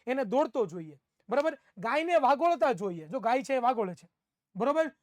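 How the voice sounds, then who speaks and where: A man's voice: very high-pitched, very animated, normal speed, darkish tone, no echo. A male science teacher, giving an online class in a playful way, repeating phrases and acting out students' replies.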